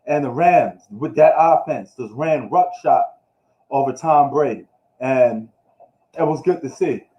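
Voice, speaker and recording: A New York sports streamer recaps the football week live in a casual, slangy way, ranting loosely as he goes. His mid-range voice has a dark tone and a measured pace. The lo-fi stream sounds dull and echoey, as if recorded in a reverberant room.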